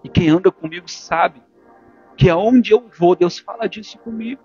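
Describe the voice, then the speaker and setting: High-pitched Mineiro preacher, fervent. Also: male voice, normal speed. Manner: swings between forceful exhortation and hushed intimate speech. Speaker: pastor. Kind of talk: sermon. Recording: dull lo-fi church recording with faint music.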